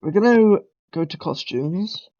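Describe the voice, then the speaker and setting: A man with a high, lively voice talks a little slowly in a darkish tone, the recording muffled. He has a cold and rambles casually through a beginner coding tutorial, correcting himself, clearing his throat, and saying um a lot.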